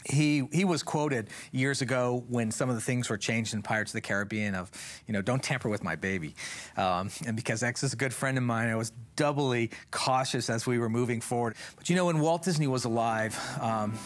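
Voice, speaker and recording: A man in his fifties speaking in a documentary interview as an attraction writer. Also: medium pitch. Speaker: theme park attraction writer. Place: indoor interview set. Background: background music.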